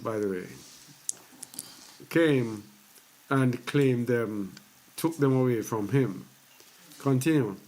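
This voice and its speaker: A man hosting a religious teaching video, speaking casually and repeating points for emphasis. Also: mid-range voice. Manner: slow, conversational, repeats phrases for emphasis. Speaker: host of a faith teaching channel.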